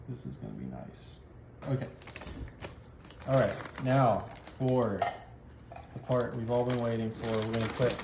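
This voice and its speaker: A man's voice: mid-range voice, reverberant, background noise. A man hosting a home cooking video, walking through each step in an easygoing, jokey, folksy way. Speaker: cooking show host. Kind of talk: casual cooking demonstration.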